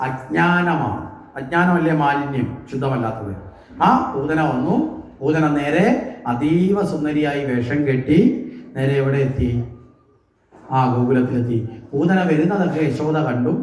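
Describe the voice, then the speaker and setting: A man's voice: medium pitch, roomy sound. A man giving a devotional scripture discourse at a temple, often asking the listeners questions and answering them himself. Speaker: religious discourse speaker. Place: temple hall.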